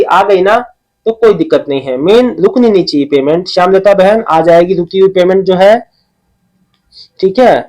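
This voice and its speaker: High-voiced man reassuring his viewers. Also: a little mellow, low-quality recording. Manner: reassuring, repeats "okay" often, addresses viewers by name. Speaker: channel host answering viewer comments. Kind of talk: casual talk reading out and replying to comments.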